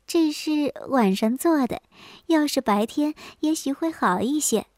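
A woman voicing a jealous, blunt, dim-witted young wife in a storybook tale, speaking sharp and stubborn. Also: sits high, a little slow, no echo, studio quality.

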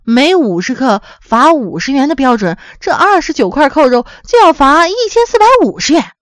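A woman narrating a story in an expressive, dramatic storytelling manner. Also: high-pitched, normal speed, no echo, studio quality.

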